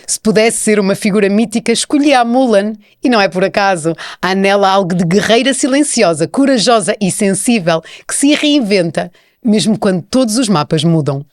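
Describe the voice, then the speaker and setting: A woman's voice: mid-range voice, lively intonation, normal speed, dry recording. Portuguese woman podcast host, dry close sound. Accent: European Portuguese. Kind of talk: scripted introduction then casual interview.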